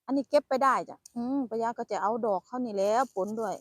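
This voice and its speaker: She's an older vlogger from northeast Thailand with an Isan accent, talking fast in a slightly high voice as she forages by the road and chats with her grandchild, laughing often. The phone camera audio has no echo and sounds studio quality.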